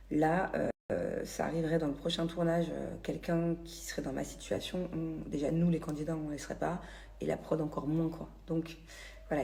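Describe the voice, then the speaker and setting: A vlogger from the Paris region of France tells stories casually to her followers on a phone, with many fillers and restarts. Her voice is deep and warm with vocal fry.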